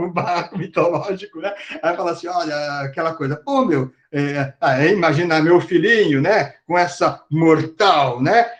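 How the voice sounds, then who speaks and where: A man's voice: on the high side, a little slow, hardly any pauses. A man giving a casual university lecture, retelling a myth in slangy, filler-filled speech. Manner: colloquial, slangy storytelling with many fillers and laughs. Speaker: psychology lecturer.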